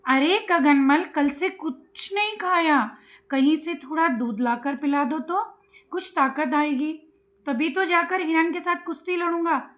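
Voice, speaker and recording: A woman's voice: high-pitched, measured pace, a bit bright. A woman voicing a hungry dog that complains of feeling weak. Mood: weary. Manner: complaining of weakness.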